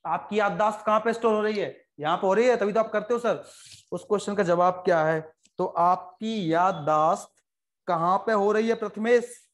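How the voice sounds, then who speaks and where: A high-pitched man with an Indian accent lectures a biology class. He talks quickly and jokes with his students, slipping into short voices for his stories. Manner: joking, animated, fast-talking lecturer who puts on quick voices for stories. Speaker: biology teacher.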